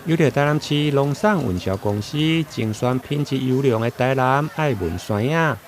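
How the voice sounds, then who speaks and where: Mid-pitched man, scripted news voice-over, promotional infomercial-like copy. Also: expressive, normal speed. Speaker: news reporter.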